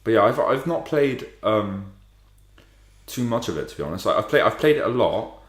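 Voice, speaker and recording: A man's voice: on the low side, animated, moderate pace. A man hosting a gaming chat in an informal way, recorded in a room with a big echo. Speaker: host of gaming podcast. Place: indoor room with strong echo.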